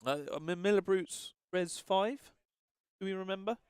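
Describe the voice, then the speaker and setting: A man's voice: high-pitched, steady tone, moderate pace, a little hiss or hum. A man hosting casual live commentary on a tabletop tournament, informal and hesitant as he thinks aloud. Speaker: livestream host and commentator.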